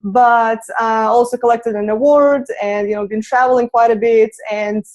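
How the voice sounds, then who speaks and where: A woman's voice: fairly high pitch, steady tone, normal speed, darkish tone, dull audio. A woman in her twenties with a Russian accent, co-hosting a webinar in a chatty way with many fillers. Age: 20s. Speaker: co-host. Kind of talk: casual webinar introduction.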